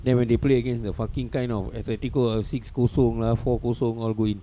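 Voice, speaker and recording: Man, Malaysian or Singaporean accent, soft dark tone, casual football talk, opinionated, sweary, slight background noise. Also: mid-range voice, flat delivery, fast talker. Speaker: football podcast panelist.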